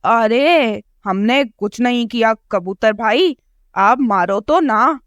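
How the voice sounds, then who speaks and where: A woman's voice: on the high side, slow, dry recording, studio quality. A woman voicing a cowardly male cartoon crow who begs in fright. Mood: frightened. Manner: frightened, begging.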